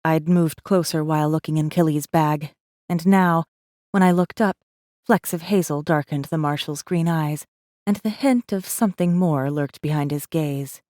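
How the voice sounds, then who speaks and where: She has a low, mellow voice at a moderate pace, lightly acted, in a dry recording with clean studio sound. In a space fantasy audiobook, the actress plays a rebel messenger, guarded and wry, who narrates her own story in dramatic first person, intimate, sardonic, wary and brooding.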